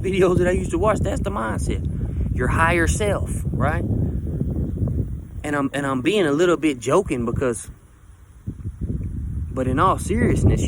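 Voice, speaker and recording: A man's voice: on the high side, heavy background noise. A man speaking as a fervent new convert, giving a rambling, earnest and emphatic personal testimony in informal vernacular, often voicing imagined dialogue and answering his own questions. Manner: acts out imagined dialogue and asks himself questions.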